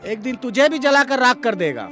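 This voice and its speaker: A coarse, lecturing protester, very high voice, film music underneath. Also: male voice, very animated, normal speed. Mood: scornful. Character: blunt, rough-spoken male protester, scornful. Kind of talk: Hindi film dub.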